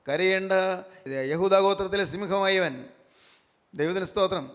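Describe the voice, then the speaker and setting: A man's voice: high voice, flat delivery, fast talker, a bit bright, in a large hall. A man with a Malayali accent preaching a sermon, repeating his points with emphasis and breaking into praise. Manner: repetitive, emphatic preaching with frequent praise phrases.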